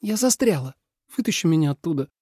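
A man's voice: on the high side, very animated, fast talker, a little mellow, breathy edge, no room sound, clean studio sound, pitched above the performer's own voice. Snappish snake demon woman, a man's put-on voice. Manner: snappish, sarcastic.

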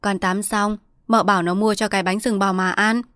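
A woman's voice: medium pitch, fairly even intonation, moderate pace, fairly bright tone, smooth, no echo, clean studio sound, lightly acted. A woman storyteller voicing a district chief's wife, an indulgent mother who coaxes her child and bosses her servants. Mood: coaxing. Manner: coaxing, bossy to servants.

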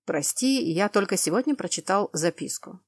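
A woman's voice: mid-range voice, animated, moderate pace, slightly rough, no echo. A duke's trusted male advisor, as a woman reader puts him on, who talks plainly and without fuss. The voice stays close to the reader's own, in a dry, close reading. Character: friendly male advisor to a duke.

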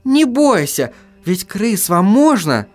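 A man's voice: sits high, big pitch swings, slow, a little mellow, voice pushed up, exaggerated voice. A man voicing a firm, insistent young woman who urges and reassures in a storybook reading. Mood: urgent encouraging. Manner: urgent and insistent.

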